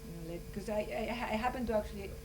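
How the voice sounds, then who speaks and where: With her medium-pitched voice racing along, a woman scientist from Chile offers rambling, earnest closing words at a conference. "You know" and "like" fill her sentences. The sound, recorded in a conference room, is distant and carries a hum.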